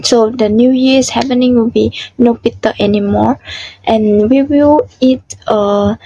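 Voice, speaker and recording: Brief: Vietnamese-accented woman in her twenties, dark husky tone, dry close sound, halting delivery. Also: fairly high pitch, no room sound, highs cut off. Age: 20s. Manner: hesitant, many fillers and restarts. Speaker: interviewee. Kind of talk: casual personal sharing.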